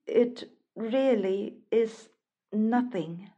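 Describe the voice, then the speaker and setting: A woman voicing a gentle young mermaid from a storybook, speaking softly. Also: high-pitched, slow, pitched above the performer's own voice. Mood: sad. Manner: soft, gentle.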